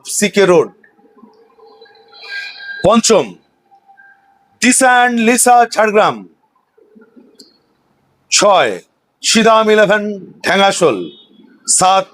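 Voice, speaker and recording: A man's voice: sits high, low-quality recording. A man with a West Bengal accent making an emphatic promotional announcement for a football tournament, repeating key phrases and invitations. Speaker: event announcer.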